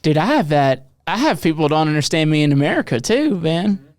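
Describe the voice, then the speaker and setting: A man's voice: fairly high pitch, sing-song, fairly quick, darkish tone, no room sound. A man hosting a podcast in casual chat, with joking, crude banter. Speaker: podcast host.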